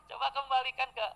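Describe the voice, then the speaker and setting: A man's voice: very high-pitched, creaky, fairly bright tone, poor audio. A middle-aged man, a teacher-training lecturer, giving informal feedback in a chatty way with frequent tag words and small hesitations.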